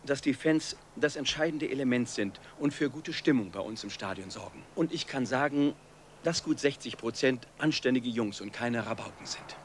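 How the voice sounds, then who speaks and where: An actor playing a football club official who gives a composed statement in a measured, official way, in dubbed film dialogue. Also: male voice, medium pitch, a little hiss or hum, lightly acted.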